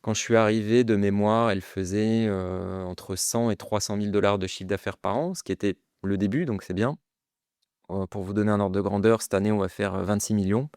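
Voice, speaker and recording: A French man, a startup founder, talking casually as a guest in an interview, pausing often with fillers and restarts. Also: on the low side, steady tone, darkish tone, smooth, no room sound, clean studio sound. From France. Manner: hesitant, many fillers and restarts. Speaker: guest entrepreneur.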